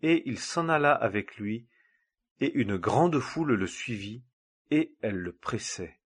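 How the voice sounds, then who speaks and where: A man reads a scripture passage in a steady, measured, solemn way. His voice is husky and middle-pitched. The delivery stays calm throughout. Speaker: scripture reader.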